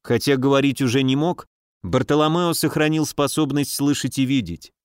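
A man reading classic prose as an audiobook narrator, even and literary. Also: medium pitch, moderate pace, clear, resonant tone, no room sound, clean studio sound.

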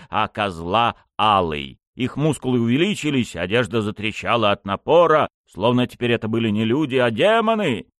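Guy narrating an audiobook, wry and animated, pitch jumps all over, super dry booth sound. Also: no echo. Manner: wry, expressive storytelling with wide pitch swings. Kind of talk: first-person audiobook narration.

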